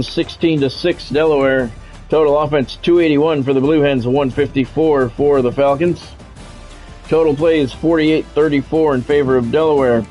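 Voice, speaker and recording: A mid-range, darkish male voice comes through on poor audio. He's doing live play-by-play for a football video game, mixing sports commentary with blunt, salty, casual asides.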